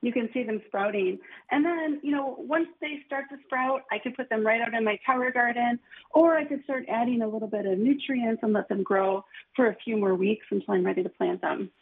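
Chatty husky woman on a phone line. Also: on the high side, brisk. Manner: chatty, enthusiastic, lots of "like". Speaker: gardening guest. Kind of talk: casual radio call-in chat.

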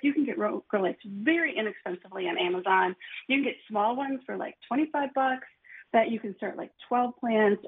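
Chatty husky woman on a phone line. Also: a little high. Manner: chatty, enthusiastic, lots of "like". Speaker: gardening guest. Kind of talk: casual radio call-in chat.

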